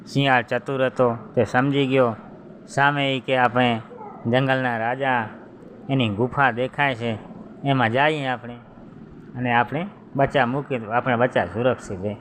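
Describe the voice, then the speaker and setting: A man's voice: medium pitch, steady tone, measured pace, fairly bright tone, a little hiss or hum. A man telling a children's folk tale in a homely, conversational way, voicing the animals as he goes. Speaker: storyteller.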